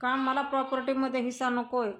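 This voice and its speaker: Woman voicing a frustrated younger son, high, flat delivery, read aloud. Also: a little fast. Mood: annoyed. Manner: read out plainly in the narrator's own voice.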